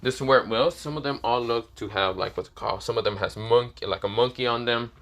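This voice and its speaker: A man's voice: medium pitch, brisk, fairly bright tone. A man improvising a fan story aloud, rambling and leaning on the same filler phrases. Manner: rambling, repeats "this is where, well".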